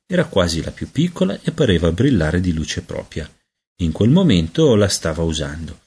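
A man narrating a children's storybook aloud in an expressive storytelling manner. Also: low-pitched, normal speed, slightly rough. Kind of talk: audiobook narration.

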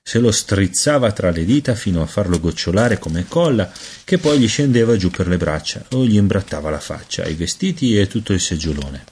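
A man narrating a children's storybook aloud in an expressive storytelling manner. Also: sits low, moderate pace, few pauses, a little hiss or hum. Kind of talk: audiobook narration.

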